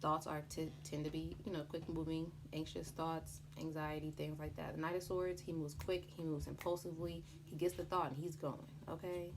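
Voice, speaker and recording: A woman's voice: low-pitched, little pitch movement, normal speed, hardly any pauses, noisy background. A woman giving an unscripted tarot explainer in a chatty, informal way, with slang and free swearing. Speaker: tarot reader presenting a tutorial.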